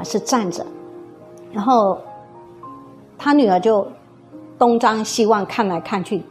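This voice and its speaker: A woman with a Taiwanese Mandarin accent, a music teacher, telling an eerie story in a lively, suspenseful way with many fillers. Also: on the high side. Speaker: guzheng teacher recounting a story. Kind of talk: casual storytelling.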